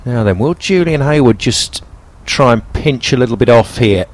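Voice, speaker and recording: A man's voice: medium pitch, expressive, moderate pace. A man presenting and commentating on televised golf in punchy broadcast phrasing. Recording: loud music under the voice. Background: music.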